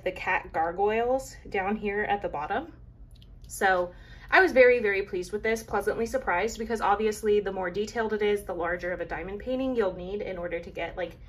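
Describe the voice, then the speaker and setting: A woman from Arizona chatting casually to camera about a craft kit, rambling with many fillers and a little out of breath. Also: medium pitch. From Arizona, USA. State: slightly out of breath. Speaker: craft vlogger reviewing a kit.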